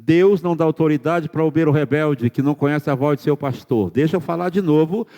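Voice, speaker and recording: Preaching in a church, this pastor throws one rhetorical question after another at his listeners. He speaks briskly, with a fairly high pitch and a dark timbre. Long hall reverb fills the sermon recording.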